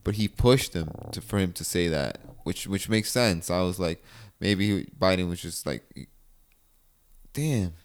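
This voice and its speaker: A young man with a low voice talks casually with a friend. He leans on slang and fillers and often restarts his sentences as he works out his point. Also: animated, unhurried. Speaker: friend chatting. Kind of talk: casual chat.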